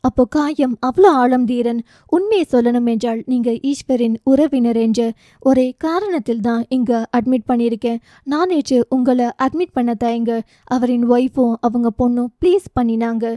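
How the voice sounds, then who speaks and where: A woman voicing a brisk, commanding female surgeon who scolds and gives orders. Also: a little high, warm tone, no echo, clean studio sound, lightly acted. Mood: stern.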